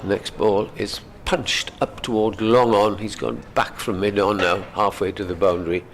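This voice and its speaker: A man with a gravelly voice giving live cricket commentary in an unhurried, conversational way. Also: on the low side, fairly even intonation, fairly bright tone, slight background noise.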